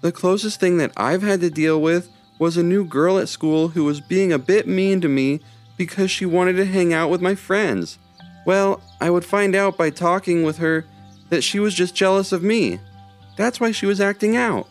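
A man's voice: sits high, normal speed, soft background music, pitched above the performer's own voice. A man doing a sweet, chatty little girl. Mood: earnest. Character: kind thoughtful young schoolgirl.

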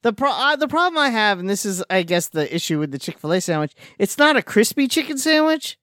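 A man, a regular on a podcast, giving rambling, animated opinions in casual chat. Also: high-pitched, fairly quick, dry recording, clean studio sound.

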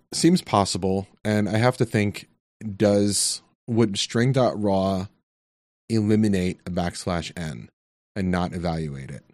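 A man answering coding quiz questions in a casual tech chat, thinking aloud with hesitant pauses and many ums. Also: low-pitched, darkish tone, no echo, studio quality. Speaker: quiz contestant.

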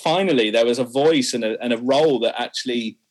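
Speaking fast in a medium-pitched voice, a young singer discusses his music candidly during an interview. He often laughs and is self-deprecating.

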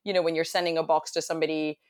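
A woman's voice: low voice, little pitch movement, racing, a little mellow. Chatty woman with an American accent. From France. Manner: chatty, with frequent fillers and restarts. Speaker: guest, hospitality business owner. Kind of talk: casual conversational interview.

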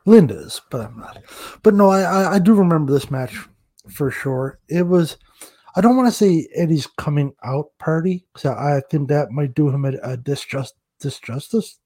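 A man co-hosting a podcast, chatting casually with self-deprecating jokes and halting restarts. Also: fairly high pitch, expressive, dark tone, no room sound. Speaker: podcast co-host, referee.

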